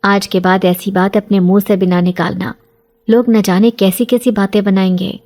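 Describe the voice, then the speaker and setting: A stern, sharp-tongued mother voiced by a woman narrator scolds without letup in a told horror story. Her tone is mellow but her words are cutting and disapproving. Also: medium pitch, little pitch movement, natural voice. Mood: scolding.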